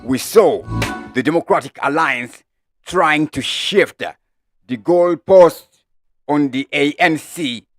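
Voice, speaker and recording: A man with a Zimbabwean accent hosting a live-streamed political commentary show, talking through the news with many filler "uh"s and shout-outs to viewers. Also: a little high, slow, soft background music. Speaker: host of a live online news channel.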